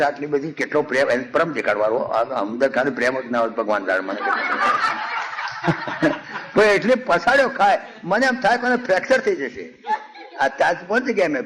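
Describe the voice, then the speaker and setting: A man's voice: fairly high pitch, poor audio. Older Gujarati man giving a folksy discourse. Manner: folksy storytelling, acts out villagers, chants verses slowly. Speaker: spiritual speaker. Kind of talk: Ramayana discourse with humor and chanting.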